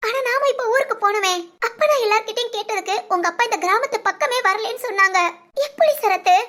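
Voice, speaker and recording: A woman voicing a young woman who grieves for her absent father, speaking softly and tearfully in an audio drama. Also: very high voice. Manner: soft, tearful and polite.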